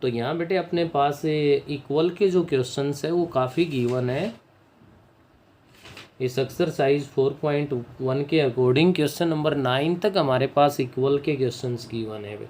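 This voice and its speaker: A man's voice: on the high side, a little mellow, a little hiss or hum. A man teaching a maths lesson, working through a proof step by step and often checking in with his students. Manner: slow and deliberate, dictates English phrases word by word, checks in with students. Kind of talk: board-work maths lesson.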